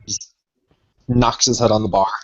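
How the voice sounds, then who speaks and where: A man playing in a tabletop game, narrating his character in an animated way. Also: fairly low pitch, moderate pace, highs cut off. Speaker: player.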